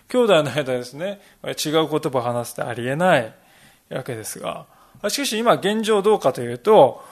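Gravelly-voiced male pastor preaching. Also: a little high. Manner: explanatory, peppers phrases with "desu ne" and fillers. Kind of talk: Sunday sermon.

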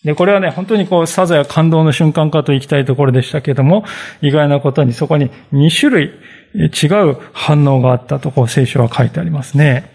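A man's voice: a little high, a little fast, creaky, a little mellow, husky. A male pastor giving a conversational sermon, reading scripture and explaining it with frequent fillers and asides.

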